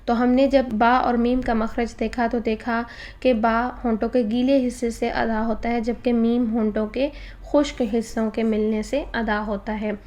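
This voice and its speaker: A woman's voice: on the high side, level tone, darkish tone. A woman teaching Quran recitation in a recorded lesson, explaining patiently step by step and mixing in English words.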